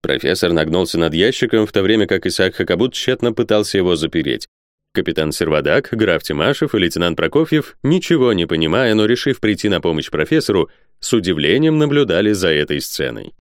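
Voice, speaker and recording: A man reading an adventure novel aloud with expressive narration. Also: deep voice, fairly quick, clean tone, no room sound, clean studio sound. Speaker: audiobook reader. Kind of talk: scripted narration.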